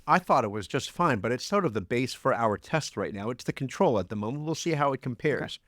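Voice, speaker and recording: A man's voice: medium pitch, animated, fairly quick, fairly bright tone, no echo, studio quality. A man co-hosting a podcast, chatting in a rambling way during a drink tasting. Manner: rambling, restarts often. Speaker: podcast co-host. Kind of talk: casual chat, taste-testing drinks.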